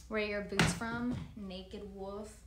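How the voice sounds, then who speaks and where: A woman's voice: medium pitch, fairly even intonation, slow pace, reverberant, heavy background noise. Laid-back young woman on a phone livestream. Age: 20s. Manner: laid-back, chatty, swears freely. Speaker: livestream host. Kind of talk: casual livestream chat reading comments. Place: large plain room indoors. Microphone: phone camera at arm's length.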